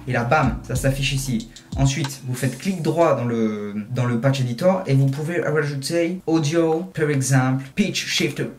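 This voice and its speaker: A man hosting a casual tutorial video, explaining step by step in a chatty, jokey way. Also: mid-range voice. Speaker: video host.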